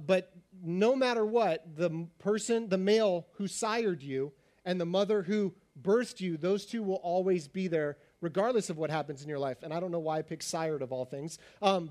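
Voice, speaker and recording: A pastor preaches fast and animated, his high, slightly raspy voice moving at an energetic clip. He talks to his congregation in a lively, conversational way.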